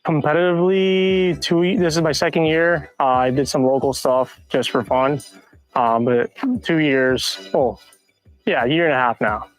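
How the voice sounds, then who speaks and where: A young man from Massachusetts, a kayak angler answering quickly and casually, with lots of fillers. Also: a little high, steady tone, soft background music, low-quality recording. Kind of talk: interview answer.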